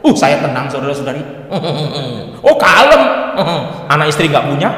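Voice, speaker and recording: Lively joking priest in echoey church. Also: male voice, on the high side, normal speed. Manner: lively, joking, sings hymn lines. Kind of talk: sermon.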